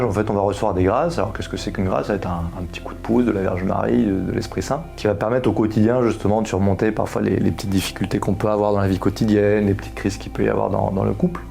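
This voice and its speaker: A man's voice: fairly low pitch, creaky, warm tone. A man in his thirties giving an earnest personal testimony, explaining his views with homely comparisons. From France. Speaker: husband giving a faith testimony.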